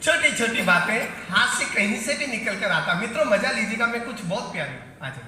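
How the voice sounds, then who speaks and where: A man's voice: high voice, expressive, fairly quick, background noise. A man performing as a satirical poet in a live comic poetry recital, bantering with the audience on stage. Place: large hall on stage. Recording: echoey hall, faint crowd.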